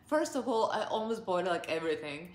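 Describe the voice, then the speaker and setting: Her voice runs on the low side but swings widely in pitch as she talks fairly quickly. A beauty vlogger from Russia in her forties, she chats brightly about makeup from her sofa, laughing often, in a reverberant room.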